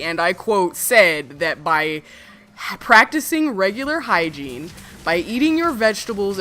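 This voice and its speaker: A woman co-hosting a casual livestream chat, ranting in a profane, animated way. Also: medium pitch. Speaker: streamer co-host.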